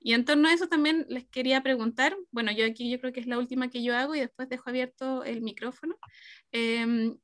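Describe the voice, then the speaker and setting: High-voiced moderator. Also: female voice, steady tone, brisk, a bit bright, no room sound, clean studio sound. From Chile. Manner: reflective, asks questions, gestures a lot. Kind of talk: moderating an academic panel.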